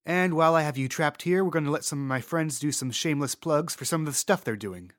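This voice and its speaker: A man narrating a tabletop game as host, relaxed with playful asides. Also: on the high side, quick pace, no echo, clean studio sound. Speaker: game master and podcast host.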